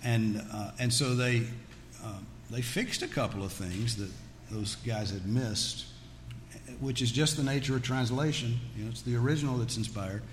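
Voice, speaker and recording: This man, a Bible teacher, has a mid-range voice and talks at a normal speed. He teaches scripture in a folksy, chatty manner with joking asides, taking audience questions in a large echoing room. Background noise and hall echo are audible in the recording.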